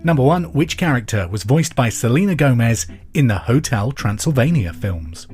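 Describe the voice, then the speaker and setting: Speaking at normal speed in an animated, slightly mellow medium-pitched voice, an English host leads a pub quiz podcast. His style is chatty and conversational, questions get clearly repeated, and there's music in the background.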